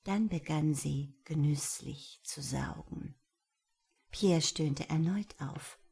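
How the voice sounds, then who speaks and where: Woman, erotic audiobook narrator, half-whispered, dark tone, husky. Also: sits low, slow pace. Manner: breathy, half-whispered reading.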